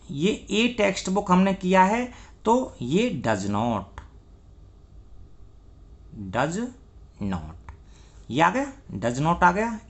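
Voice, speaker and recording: Male tutor, gravelly and fairly high; grammar class that asks and answers its own questions. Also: a bit bright. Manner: asks questions and answers them himself, spells words letter by letter. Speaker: English grammar teacher. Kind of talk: classroom lesson.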